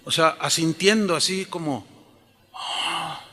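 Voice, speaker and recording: A pastor preaching a sermon to a congregation, animated and telling stories. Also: male voice, high voice, measured pace. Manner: animated, storytelling, addresses the congregation. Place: church auditorium. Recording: reverberant auditorium.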